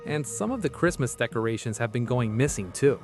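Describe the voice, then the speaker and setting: A man narrating a horror story with a lively, expressive reading. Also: mid-range voice, fairly quick, music in the background.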